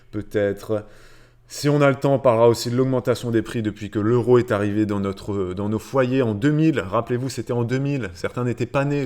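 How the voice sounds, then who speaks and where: Chatty low-voiced male finance streamer. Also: a little mellow. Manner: chatty, greets viewers by name, many fillers and repeats. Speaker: livestream host on personal finance. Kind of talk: casual livestream chat reading viewer comments.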